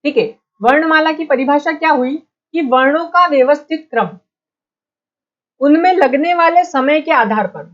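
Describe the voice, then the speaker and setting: A woman's voice: high-pitched, a bit bright, muffled recording. A woman teaching an online exam-prep lesson, repeating key points and quizzing her students with questions she then answers herself.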